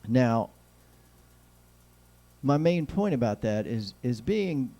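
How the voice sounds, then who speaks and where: Speaking slowly in a creaky, mellow mid-range voice with big swings in pitch, this American host from Kansas City rambles through lighthearted solo political chat in a folksy, neighbourly manner. His s sounds whistle, and the recording has its highs cut off.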